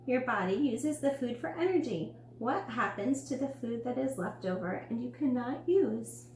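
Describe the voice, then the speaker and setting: A woman's voice: a little high, animated, moderate pace, a little mellow, natural voice. A woman voicing a friendly, enthusiastic dentist in a read-aloud storybook, asking questions in an emphatic teacherly way. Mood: explaining. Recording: roomy room with faint hum.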